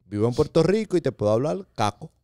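A man's voice: on the high side, expressive, fast, mellow, no echo, studio quality. A man, a podcast guest chatting casually and jokingly, often slipping into imitations of street slang. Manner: playful, jokey, slips into imitations of street slang. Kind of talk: casual chat.

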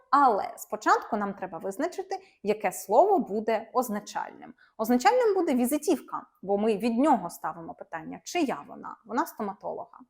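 Young female language teacher, lively and emphatic, voice set a little high and swinging widely as she explains. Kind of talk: explaining grammar to viewers.

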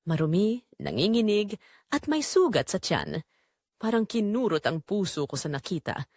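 This narrator is a woman with a Filipino accent, voicing a tender young female call center agent who tells her own love story in a scripted romance. Her delivery is heartfelt and wistful, medium-pitched and sing-song, at a moderate pace, with a darkish tone. It's a clean studio recording without echo.

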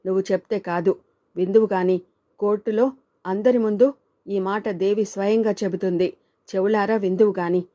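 A woman's voice: mid-range voice, steady tone, normal speed, mellow, dull audio, close to an everyday voice. A woman voicing a man who fiercely protects a writer friend in a storybook reading, scolding and defiant.

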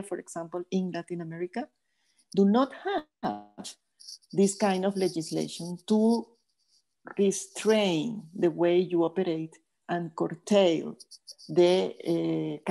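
An older woman from Venezuela, a guest geophysicist speaking in a measured, thoughtful way with many pauses over a video call headset. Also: fairly low pitch, gravelly, mellow. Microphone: earphone headset on video call.

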